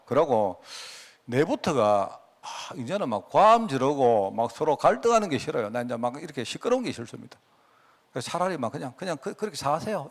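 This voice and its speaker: A middle-aged man with a Gyeongsang accent, preaching a sermon as pastor in a folksy, conversational way and often asking his listeners to agree. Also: on the high side. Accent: Gyeongsang Korean.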